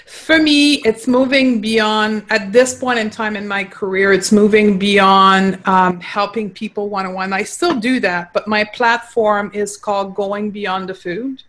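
A woman's voice: medium pitch, fairly even intonation, unhurried, hardly any pauses, fairly bright tone, poor audio. French-Canadian woman guest explaining nutrition. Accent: Quebec French. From Quebec, Canada. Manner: earnest, explaining, frequent restarts. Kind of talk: casual interview talk.

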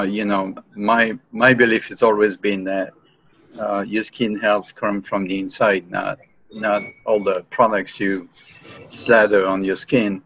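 A man co-hosting a podcast interview, asking questions haltingly with many fillers and restarts. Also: on the low side, fairly bright tone. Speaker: podcast co-host. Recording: lo-fi muffled sound.

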